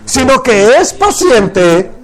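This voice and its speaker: A man with a strikingly high voice and big swings in pitch preaches a sermon to his congregation. He repeatedly asks questions and answers them himself, slowing right down to draw out Hebrew words and phrases for emphasis.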